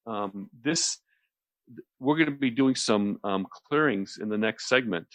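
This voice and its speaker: Unhurried and deep-voiced, a man hosting a radio show walks listeners through a relaxation technique in a chatty, slightly rambling way, frequently repeating a phrase before continuing. The sound is close and dry, with no room sound.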